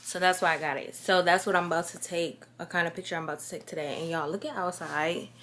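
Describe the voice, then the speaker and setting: A woman's voice: on the low side, fairly even intonation, quick pace, fairly bright tone, slight background noise. A woman in her twenties with a Chicago accent, chatting casually to camera in an upbeat way. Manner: chatty, upbeat, says "y'all" and "like" often. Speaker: vlogger. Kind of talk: casual vlog talk to camera.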